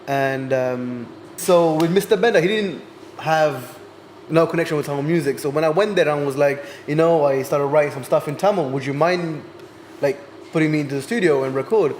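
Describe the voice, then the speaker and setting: Young male artist guest, twenties, hesitant and reflective, slightly high voice. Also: moderate pace, a little mellow, a little hiss or hum. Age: 20s. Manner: thoughtful, hesitant with many ums. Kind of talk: casual interview chat.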